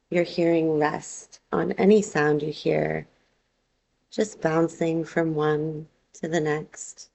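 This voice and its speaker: Guiding a relaxation session, a female yoga nidra teacher speaks in a fairly low voice marked by heavy creaky fry. She moves very slowly and calmly, offering soft instructions in unhurried phrases. The recording is rough.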